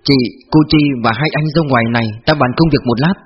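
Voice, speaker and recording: A man voicing a calm older family friend in an audiobook, speaking in a consoling way. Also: mid-range voice, quick pace, breathy edge, dull audio, faint music behind, lightly acted.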